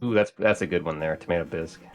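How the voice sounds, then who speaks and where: A man's voice: sits low, fast talker, soft background music. A man chatting casually after a race, friendly and easygoing. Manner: easygoing, friendly, laughs often. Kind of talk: casual post-race chat.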